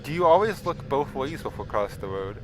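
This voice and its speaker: A man hosting a casual gaming video, reading questions aloud and answering them bluntly, with frequent swearing and loud exasperated outbursts. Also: medium pitch, very animated, a little fast, a little hiss or hum. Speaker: gaming channel host. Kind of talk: casual game commentary.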